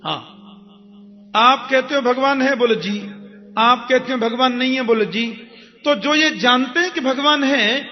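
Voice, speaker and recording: A man's voice: very high voice, a little slow. A man preaching a devotional sermon, telling folksy stories, acting out the dialogue and chanting verses. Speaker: kathavachak preacher. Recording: dull sound with long hall reverb and music.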